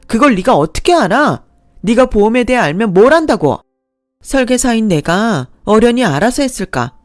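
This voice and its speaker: A woman voicing an angry, defensive young woman who shouts back at a friend in a radio drama. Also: fairly high pitch, no echo, clean studio sound, pitched above the performer's own voice.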